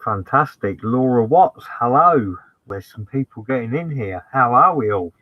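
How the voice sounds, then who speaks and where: A man's voice: medium pitch, animated, normal speed, no echo, narrow, tinny audio. A man on a casual van-life live stream, talking from inside his converted van and cheerfully greeting viewers by name. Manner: upbeat, greets viewers by name, keeps saying "fantastic".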